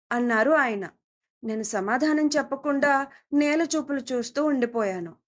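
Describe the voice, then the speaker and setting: A woman with a high voice tells a first-person audio story. She keeps it soft and intimate and reads the characters' lines as they come up.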